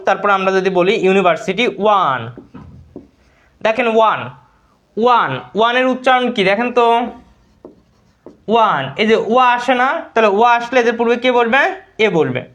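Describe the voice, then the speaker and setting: A man's voice: high voice, fairly bright tone. A man with a Bangladeshi Bengali accent teaching English grammar in a live online class, repeating words and answering his own questions.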